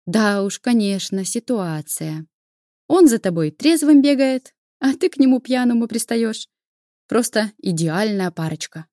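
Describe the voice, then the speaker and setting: Woman doing a teasing sister, playful and mocking, warm mellow voice, dry sound. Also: fairly high pitch, animated, measured pace, no room sound. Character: teasing cheerful younger sister, adult woman.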